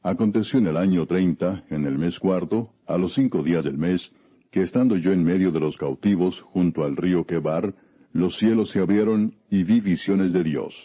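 A man with a deep, somewhat raspy voice narrates scripture. His reading is scripted, measured and solemn throughout. The recording sounds dull and lo-fi. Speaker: Bible narrator. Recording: dull, lo-fi audio.

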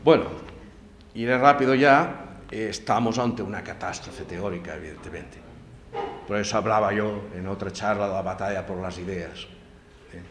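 Speaking at a library event, a man delivers an emphatic public lecture full of tag questions, in a somewhat low, slightly bright voice at a moderate pace. The recording has heavy room echo and a faint background hum.

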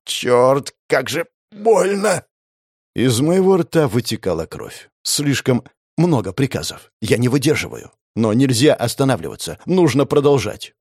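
A man's voice: medium pitch, sing-song, moderate pace, darkish tone, no echo, clean studio sound. A man giving dramatic, intense narration of a combat fantasy audiobook. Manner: intense, gritty storytelling.

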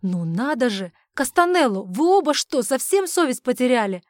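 A woman's voice: medium pitch, moderate pace, darkish tone, no room sound, studio quality, lightly acted. A woman voicing a brash, sardonic young nobleman in an audiobook. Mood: indignant. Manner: indignant and sardonic. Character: brash wry young male lord, nobleman.

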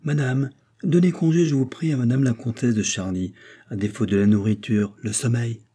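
A man's voice: medium pitch, steady tone, normal speed, mellow, slightly rough, natural voice. A man doing a hearty, food-loving king. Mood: insistent. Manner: hearty, insistent, fond of his food. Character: genial, well-fed old-regime king.

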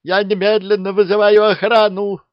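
A man doing a squeaky, shrill young lieutenant. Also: fairly even intonation, normal speed, no room sound, lightly acted. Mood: shrill insistent. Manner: insistent, barking orders. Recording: dull dry recording.

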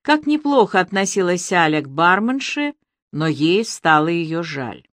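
A woman narrating a novel as an audiobook, in an expressive storytelling manner. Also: on the low side, measured pace, dry recording, studio quality.

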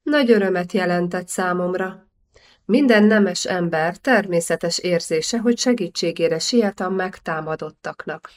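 A woman's voice: on the low side, natural voice. A woman voicing a big, boisterous nobleman who banters heartily in an audiobook. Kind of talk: audiobook character reading.

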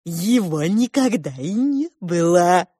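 A woman's voice: lowish voice, lively intonation, slow pace, dark tone, slightly rough, no echo, studio quality, full character voice. Woman doing a blunt old clown. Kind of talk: audiobook reading.

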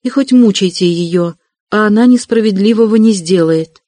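A man reading an audiobook, voicing a timid, gentle young woman in a raised, soft and fervent voice. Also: high voice, moderate pace, no echo, close to an everyday voice. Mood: pleading.

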